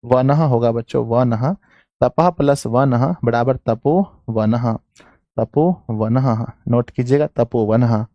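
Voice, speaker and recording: Slow, repetitive male teacher dictating. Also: medium pitch, steady tone, no room sound, highs cut off. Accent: Bihari Hindi. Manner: dictates slowly, repeating phrases for students to write; coaxing, calls students "my children". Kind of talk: online exam-prep grammar lesson.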